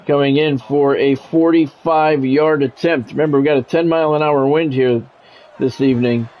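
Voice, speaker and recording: A man with a fairly high voice, heard through dull audio, streams himself playing a sports video game. He switches back and forth between broadcaster-style commentary and laid-back chat with viewers.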